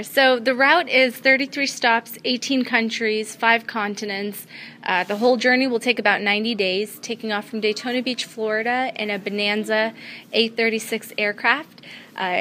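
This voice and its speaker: A woman's voice: fairly high pitch, steady tone, normal speed, pushed and bright, a little hiss or hum. A young woman from Afghanistan, a student pilot, answering interview questions earnestly with frequent ums and uhs. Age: young adult. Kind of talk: interview answers at a trade show. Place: convention floor.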